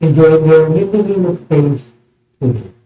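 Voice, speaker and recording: A man leading a church service as priest, reciting liturgical prayers in a measured, solemn way, with his voice ringing in a cathedral echo. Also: on the high side, lively intonation. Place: large church. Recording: echoey church, distant, muffled mic.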